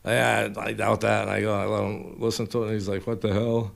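A man's voice: lowish voice, little pitch movement, fast, creaky, a bit bright. A man telling anecdotes in a casual, colloquial, rambling way as an interview guest. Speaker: guest paranormal investigator.

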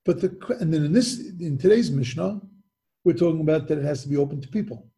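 A man's voice: fairly high pitch, fast, mellow. A man teaching a Mishnah lesson, asking rhetorical questions and often restarting his sentences. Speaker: Torah teacher.

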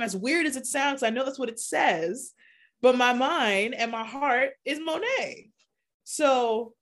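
Lively woman guest speaking candidly. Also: a little high. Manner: animated, laughs often, shifts between quick and slow emphatic phrasing. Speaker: podcast guest, content creator. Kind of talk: casual conversational interview.

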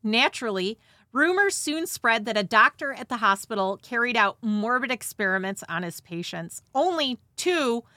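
A woman's voice: on the high side, big pitch swings, normal speed, sharp tone, no echo, studio quality. A woman hosting and narrating from a script with casual, conversational asides and a dramatizing touch. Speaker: host.

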